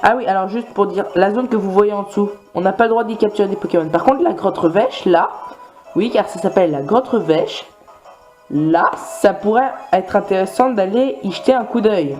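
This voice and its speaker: A man who is a video game let's player gives casual gameplay commentary, rambling with many fillers and restarts. His high-pitched voice is a little mellow and moves at a moderate pace. Soft music plays in the background.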